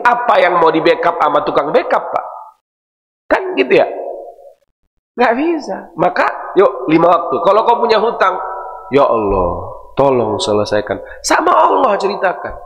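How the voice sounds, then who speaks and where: A man preaching a dawn sermon to a mosque congregation, teasing them with questions and dropping to a hushed voice for prayers. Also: high voice, expressive, moderate pace, highs cut off. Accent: Indonesian. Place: large mosque hall. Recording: echoey mosque hall.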